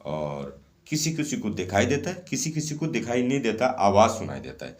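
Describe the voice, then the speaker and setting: A man's voice: lowish voice, sing-song, normal speed. A man explaining a ritual step by step in a casual, repetitive way, often repeating phrases and checking in with "okay". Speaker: occult ritual instructor. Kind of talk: casual spoken instructions.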